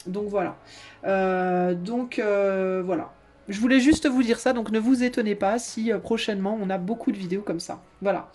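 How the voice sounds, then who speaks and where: A woman's voice: mid-range voice, moderate pace, darkish tone. Woman, tarot reader, casual and rambling, often laughing, hesitant restarts. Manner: chatty, hesitant, many fillers and restarts. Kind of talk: casual video chat.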